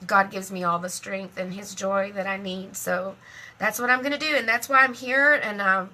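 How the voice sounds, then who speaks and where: A middle-aged woman chatting casually on a live stream, emotional and talkative, laughing often and speaking warmly about her faith. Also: mid-range voice, fairly even intonation, normal speed. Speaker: live video host.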